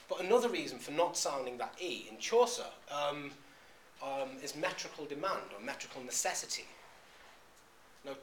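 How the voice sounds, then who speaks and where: A male lecturer speaks at a middling pitch, stopping often on "um" and restarting his sentences. The recording is echoey, with a faint hum of room noise behind him. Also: a bit bright. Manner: halting, frequent "um"s and restarts. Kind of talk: classroom lecture. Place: classroom.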